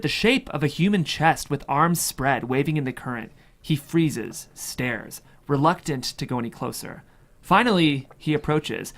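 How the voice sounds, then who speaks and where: A narrator with a mid-range, slightly bright voice reads the scene headings and action lines of a screenplay during a table read.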